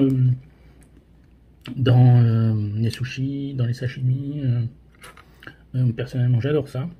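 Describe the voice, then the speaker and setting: A man's voice: mid-range voice, mellow, husky. A man gives casual, hesitant tasting commentary as a host, his mouth burning from spicy food. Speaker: host of a hot sauce tasting challenge.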